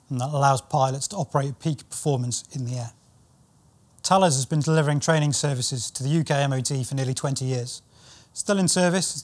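A British man in his thirties with a slightly higher-pitched voice presents to camera. He explains technical matters in a measured way, as a company training specialist would. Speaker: company training specialist and former military pilot.

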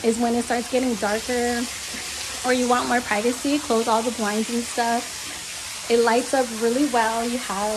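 A young woman with a fairly high voice gushes her way through a casual room tour, recorded on a handheld phone. A steady layer of background noise sits under her voice as she moves from room to room and out onto an open terrace. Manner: gushing, enthusiastic. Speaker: travel vlogger. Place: villa rooms and outdoor terrace. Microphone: handheld phone camera.

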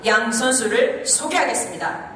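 A woman's voice: fairly high pitch, sing-song, normal speed, fairly bright tone, distant mic. A woman in her thirties working as a boxing ring announcer, formally calling out the event over a hall PA and drawing out names. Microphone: handheld mic over PA, distant camera. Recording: echoey noisy hall PA, heard from afar.

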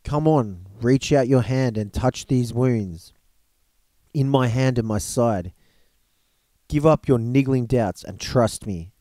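A man voicing a calm male teacher risen from the dead, speaking with gentle, plain-spoken authority. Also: mid-range voice, slow, no room sound, natural voice. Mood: coaxing.

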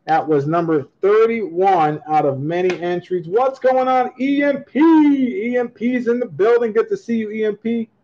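A man's voice: high-pitched, normal speed, hardly any pauses, mellow. A man hosting a coin auction livestream in casual chat, upbeat, reading chat comments aloud and laughing often. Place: indoor room at a table with coins, voice off camera. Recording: slightly dull lo-fi webcam audio.

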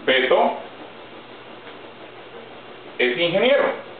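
A man teaching English grammar in Spanish, slow and deliberate, spelling out each example word by word. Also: sits high, very animated. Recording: roomy, distant, phone-like audio with faint noise.

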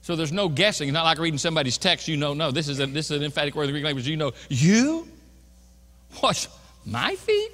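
A man's voice: on the high side, steady tone, very fast, few pauses, sharp tone, in a large hall. A man preaching an earnest, emphatic sermon in a church, often restarting his phrases. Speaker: pastor. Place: church sanctuary.

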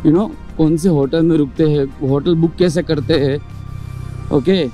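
A man's voice: on the high side, steady tone, unhurried, mellow, faint music behind. A young man talking casually to camera as a motovlogger, explaining his points one by one with rhetorical questions. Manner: explains in numbered points, mixing English words; chatty, asks rhetorical questions.

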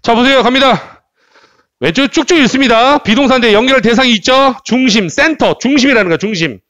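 A man teaching English in a lively classroom lecture style, often repeating words and asking the class questions. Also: very high voice, fast talker, dry recording. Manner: animated, repeats words and asks rhetorical questions.

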